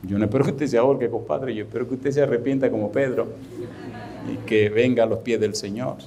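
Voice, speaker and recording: A man preaching a sermon as a pastor, with lively rhetorical questions and anecdotes where he acts out the people in them. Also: medium pitch, fast talker.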